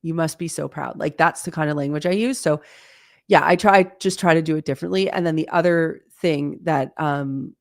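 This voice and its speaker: A woman's voice: low-pitched, normal speed, no room sound, clean studio sound. A woman in her forties hosting a live-stream Q&A, talking in a chatty, candid way with plenty of fillers. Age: 40s. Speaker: host.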